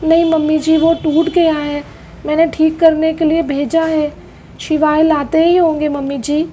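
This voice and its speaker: A woman voicing a meek young bride who speaks softly and apologizes in a doll-play soap drama. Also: high-pitched, little pitch movement, unhurried, a little hiss or hum. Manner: soft, apologetic.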